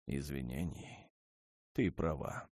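A man voicing a commanding male dragon lord in an audiobook, speaking in a low, measured, restrained way. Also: darkish tone, no room sound, studio quality, full character voice. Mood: calm.

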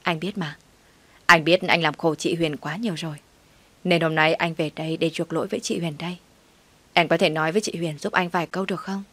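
A woman's voice: sits low, steady tone, a little fast, sharp tone, dry recording. A woman voicing a cold, harsh young husband who talks in a curt, scolding way. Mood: pleading.

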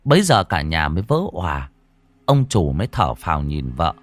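A man's voice: extremely low pitch, normal speed. A man narrating a horror story, acting out every character. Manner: animated, voices all characters.

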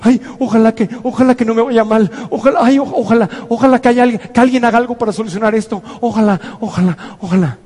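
A man's voice: extremely high pitch, fairly even intonation, fast talker, hardly any pauses, a little mellow. A man doing a whiny, frightened worrier. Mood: fearful. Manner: whiny, pleading. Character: timid fearful man, whining and hoping. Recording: echoey hall reverb.

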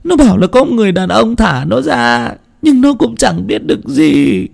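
A frantic, grieving old mother cries out in a high, gravelly voice that swings up and down, as a male storyteller puts her on. She draws out her laments. Told as a spoken ghost story. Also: very animated, darkish tone, exaggerated voice. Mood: fearful. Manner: wailing lament with drawn-out cries.

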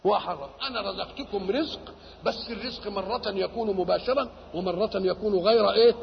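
A man's voice: sits high, fairly quick, vocal fry, a little hiss or hum. An older man with an Egyptian Arabic accent explains scripture, asking rhetorical questions and answering them himself. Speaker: Quran commentator. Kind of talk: Quranic exegesis lecture. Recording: dull lo-fi archival tape with reverb.

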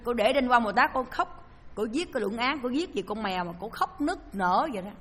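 A woman's voice: on the high side, fairly quick, husky. A woman, a Buddhist dharma teacher giving a storytelling sermon and acting out voices and sounds as she tells it. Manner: lively storyteller who acts out voices and sounds. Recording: long hall reverb.

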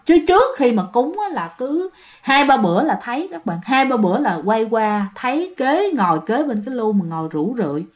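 Animated woman storyteller. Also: medium pitch. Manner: animated, addresses listeners directly. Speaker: ghost story narrator.

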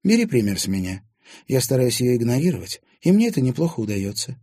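A man's voice: mid-range voice, very animated, fast, mellow, husky, dry recording, clean studio sound, voice pushed up. A man voicing a friendly, frank young woman confiding in her brother.

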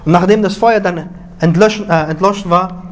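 A man preaching a Friday sermon, retelling a story in an animated way, often repeating and restarting words and dropping Arabic religious phrases into his speech. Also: high voice, moderate pace.

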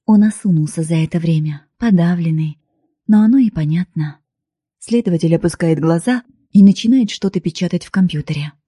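A woman's voice: fairly low pitch, a little fast, warm tone, slightly rough, no echo, clean studio sound. A woman reading an emotional first-person audiobook narration in a heartfelt, pleading way. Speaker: audiobook reader.

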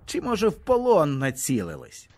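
A man's voice: a little high, huge pitch swings, normal speed, a little mellow, voice pushed up. A man playing a furious young soldier, barking. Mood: angry, scornful. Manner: barking, raised voice. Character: hot-tempered young male soldier, bitter and furious.

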